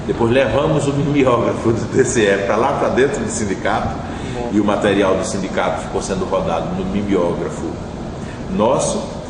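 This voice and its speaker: A middle-aged man, recalling past events in a measured, reflective interview. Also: on the low side, fairly even intonation. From Brazil. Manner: measured, reflective, with frequent tag questions. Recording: distant, echoey, noisy room.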